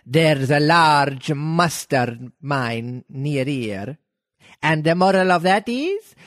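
A man voicing an agreeable, moralizing old duchess who talks slowly and preachily. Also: a little high, animated, a bit bright, dry recording, clean studio sound.

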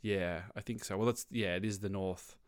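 A man's voice: on the low side, fairly even intonation, moderate pace, no echo, clean studio sound. A man co-hosting a podcast, rambling casually with restarts and chuckles. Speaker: podcast co-host. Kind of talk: casual comedic chat.

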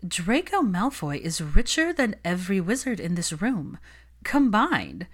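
In an audiobook, a woman plays a young, smug society gossip hunting for a husband, sounding affected, bright, and confiding. Her mid-range voice swings hugely in pitch at a slightly slow pace, smug and confident.

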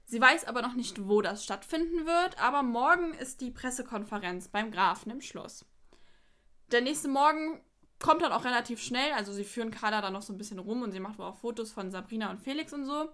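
Female co-host, slightly high, bright tone, steady recap with dry asides. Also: fairly quick. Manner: narrates plot steadily with quoted lines and dry comments. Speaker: podcast co-host. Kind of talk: casual chat recapping an episode.

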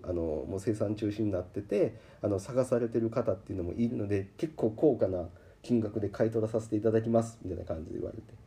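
A man with a Kansai accent hosting a podcast, telling a story in a casual, animated way and acting out the people he quotes. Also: fairly low pitch. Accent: Kansai Japanese. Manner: animated, acts out quoted voices. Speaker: podcast host. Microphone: podcast microphone.

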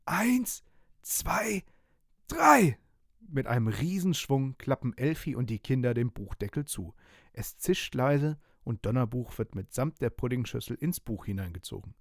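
A man telling a bedtime story in a playful, cozy way, his voice moving lively up and down. He sits close to the mic in a dry space with no room echo. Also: mid-range voice, normal speed.

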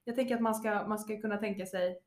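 A woman's voice: mid-range voice, steady tone, a little mellow. A woman in casual chat who rants animatedly and mimics people as she talks. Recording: echoey room.

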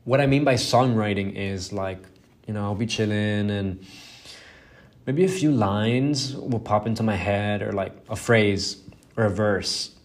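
A young Spanish-speaking man hosts a laid-back solo show, his lowish voice moving a little slowly. He wanders from point to point, runs himself down, swears, and leans heavily on fillers.

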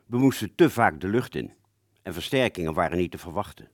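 In a radio play, a man narrates in first person as a wartime fighter pilot recalling a mission, reflective and hesitant. His low voice is expressive and a little fast, recorded with clean studio sound and no echo.

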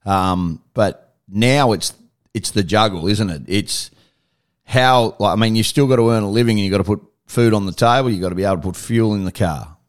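A low-pitched Australian man with a broad Queensland accent hosts a casual interview. He talks in a blokey, wordy way, wandering through his questions. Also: fairly quick. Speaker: radio interviewer.

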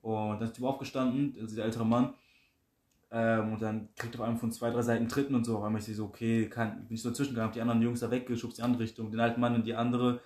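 A man's voice: mid-range voice, level tone, rapid-fire, darkish tone. A young man telling a rambling street story to friends in casual slang, full of fillers. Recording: echoey room with faint noise.

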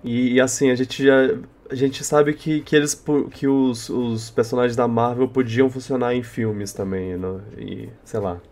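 A young man with a Brazilian Portuguese accent hosting a casual podcast, speaking in a halting, rambling way and often repeating words. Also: medium pitch, steady tone, a little mellow. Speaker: podcast host. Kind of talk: casual unscripted podcast chat.

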